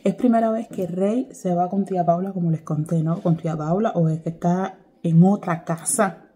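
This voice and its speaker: Chatty woman vlogger, low mellow voice. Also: steady tone, normal speed. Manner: chatty, laughs often, acts out quotes. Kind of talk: casual storytelling to viewers.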